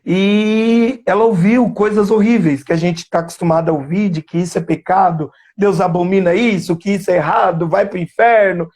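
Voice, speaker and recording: A man with a Brazilian Portuguese accent recounts a patient's case in a live interview. His voice sits high for a man, and he tells the story earnestly, slowing down to lean on the important words. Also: fairly even intonation, a little mellow. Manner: earnest, slows down to stress key words. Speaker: psychoanalyst. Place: remote live stream.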